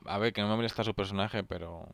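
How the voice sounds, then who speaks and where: Wry low-voiced man with a Spanish accent. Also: fairly even intonation, fast, vocal fry, dry recording. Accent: Spain Spanish. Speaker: film podcast co-host. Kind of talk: casual film review chat.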